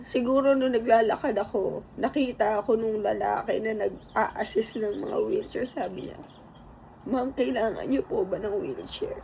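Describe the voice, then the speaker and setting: Middle-aged woman, tearful, gravelly, fairly high voice, halting storytelling, faint background hiss. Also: darkish tone. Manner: halting, many restarts and fillers, near tears. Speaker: vlogger telling a personal story. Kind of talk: emotional personal storytelling.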